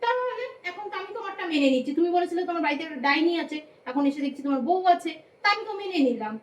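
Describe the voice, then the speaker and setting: A woman playing a bold, self-assured new bride who talks brashly and fast, in a comedy skit. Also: very high voice, lively intonation, rough recording. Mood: defiant.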